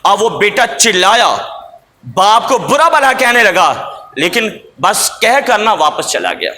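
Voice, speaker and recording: A man's voice: high-pitched, big pitch swings, sharp tone. A male preacher telling a moral story in a sermon, repeating phrases for emphasis. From Pakistan. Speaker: religious preacher. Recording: long hall reverb.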